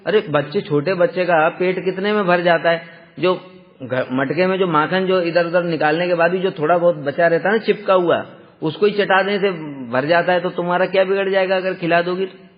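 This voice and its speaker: A man telling a devotional story in a lively, conversational way, often asking the listeners rhetorical questions. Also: sits high, normal speed. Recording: dull lo-fi sound with long hall reverb.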